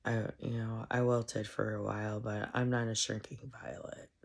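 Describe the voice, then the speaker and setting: Flat, gravelly, congested woman rambling. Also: rumbling low. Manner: halting, meandering, heavy with fillers. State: stuffed up, congested. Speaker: solo commentary vlogger. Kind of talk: casual rambling monologue.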